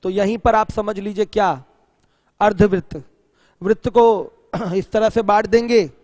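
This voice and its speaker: A math teacher leads an online geometry lesson in a high-pitched, bright male voice, his intonation fairly even and his pace measured. Frequent questions to students get answered by him, English terms pepper his explanation, and he reads out viewers' questions. A long hall reverb trails the otherwise close, dry sound.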